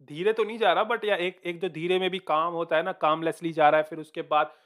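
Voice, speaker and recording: A man's voice: fairly high pitch, steady tone, a little fast, a bit bright. A man hosting a music reaction video, chatting casually, mixing Hindi and English, with hesitant fillers and calling the listener bro.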